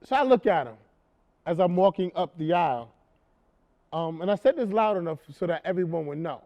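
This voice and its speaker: A stage actor performing an indignant man with a high, bright voice, telling his story in a theatrical monologue. He is animated and emphatic and repeats himself for effect. He can also become a brash, sarcastic talk show host. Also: fairly quick. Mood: indignant storytelling. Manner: animated, emphatic retelling with repetitions.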